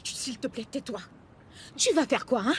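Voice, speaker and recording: An actress playing a sharp-tongued, mocking and threatening female neighbour in a dubbed comedy-drama. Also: high-pitched, normal speed, slightly rough. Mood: scornful. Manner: snappy, mocking.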